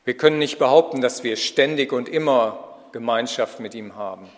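A man's voice: medium pitch, moderate pace, long reverb tail. A man preaching a reflective sermon in a personal tone, with rhetorical questions.

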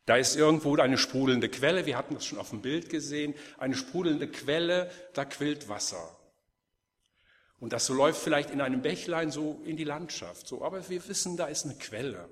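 Husky male preacher in a reverberant hall. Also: on the high side, normal speed. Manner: lively storytelling, acting out voices of the people. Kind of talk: sermon.

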